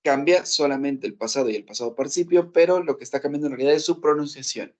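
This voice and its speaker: A man's voice: a little high, fast, darkish tone. Man teaching English. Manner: explains step by step, checks with "¿ok?" often. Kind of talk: classroom lesson.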